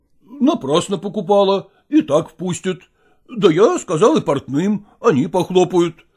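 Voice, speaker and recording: A man doing a husky evasive husband. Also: high voice, sing-song, a little slow, a little mellow, voice pushed down, exaggerated voice. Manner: soothing, hesitant, excuse-making. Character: evasive actor husband, placating, fibbing. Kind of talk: audiobook character voice.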